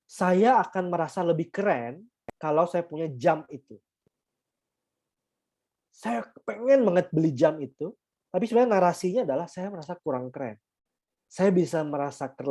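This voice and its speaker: A man teaching meditation in a calm, explanatory way, often checking in with his listeners and mixing English terms into his talk. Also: a little high. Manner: calm, explanatory, frequent tag questions, mixes in English terms. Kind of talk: guiding an online meditation talk.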